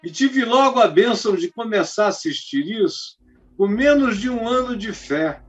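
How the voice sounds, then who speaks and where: A man's voice: sits high, lively intonation, moderate pace, breathy edge. A man preaching in an emphatic, colloquial storytelling style. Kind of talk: storytelling sermon. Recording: dull lo-fi recording, faint music.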